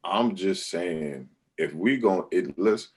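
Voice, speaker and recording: A man's voice: low voice, lively intonation, slow pace, darkish tone, husky. A man co-hosting a podcast, chatting casually in a blunt, playfully dismissive way. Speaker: podcast co-host. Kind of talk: casual chat.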